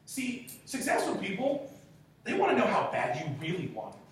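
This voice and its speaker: A young man in his twenties coaching a sales team, his voice pitched high for a man and landing every point hard with rhetorical questions. He sounds distant from the mic in a very echoey room, with a faint hiss underneath. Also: huge pitch swings, moderate pace. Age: 20s. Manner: emphatic and punchy, rhetorical questions, casual swearing. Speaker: sales trainer. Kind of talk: motivational sales training talk.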